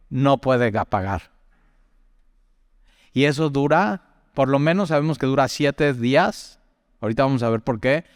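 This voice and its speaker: A man's voice: medium pitch, clear, resonant tone, no echo, clean studio sound, in a large hall. A young man preaching, telling personal stories and asking the listener questions. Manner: chatty, tells personal anecdotes, asks the listener questions. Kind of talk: conversational sermon.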